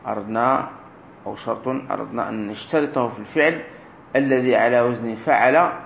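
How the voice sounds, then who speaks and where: A man teaching a grammar lesson as a sheikh, explaining slowly, repeating key words and drilling verb forms aloud. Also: mid-range voice. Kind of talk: recorded classroom lesson. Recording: roomy echo with faint room noise.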